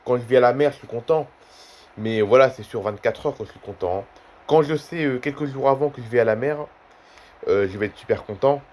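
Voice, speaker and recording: A man's voice: mid-range voice, fairly quick, a little mellow. A man in his twenties chatting casually in a vlog, rambling and repeating himself often. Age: 20s. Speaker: YouTuber.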